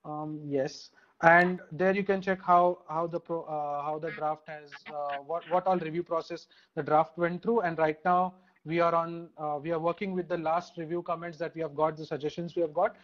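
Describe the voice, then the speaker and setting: Brief: man on a video call, hesitant, full of fillers, slightly high voice, dull lo-fi sound. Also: level tone, normal speed. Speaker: project contributor giving an update. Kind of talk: meeting status update. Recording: dull lo-fi audio.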